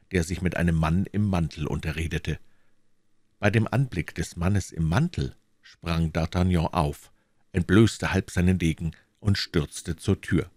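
A man narrating a classic novel as an audiobook, calm and measured, doing voices for the characters. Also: low-pitched, dry recording, studio quality. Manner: calm, measured storytelling with many voiced parts.

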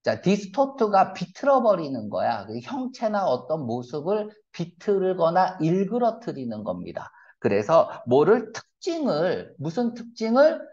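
A man's voice: sits high, huge pitch swings, measured pace, few pauses, darkish tone. A man teaching English reading in a classroom lecture, asking rhetorical questions and making blunt, slangy asides. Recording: dull lo-fi lecture recording.

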